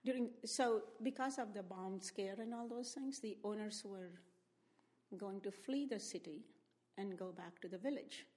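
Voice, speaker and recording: A woman's voice: medium pitch, normal speed, darkish tone. A woman in her seventies from India with an Indian accent, recalling her family's story in an oral history interview at a library. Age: 70s. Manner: reflective, spells out names letter by letter. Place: public library room.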